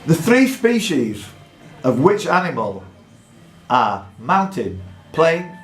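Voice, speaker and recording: Hosting a live quiz in a pub, this quizmaster reads each question formally and jokes around in between. His fairly high voice has a sing-song lilt and he takes things slowly; the echoey room carries background music and a little hiss or hum.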